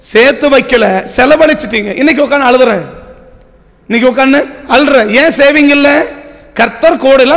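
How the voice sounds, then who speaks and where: A man's voice: very high voice, a bit bright, long reverb tail. A man preaching a sermon with a Tamil accent, asking the same questions again and again. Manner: repetitive rhetorical questioning. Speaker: pastor.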